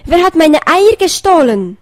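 A woman's voice: sits high, unhurried. A woman voicing a worried father Easter hare with a raised, pleading voice, in a storybook reading. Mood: distressed.

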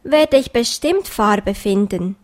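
A woman's voice: lively intonation, takes it slowly. A woman voicing a small, eager bunny boy in a storybook reading. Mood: searching. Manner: high, eager and wide-eyed.

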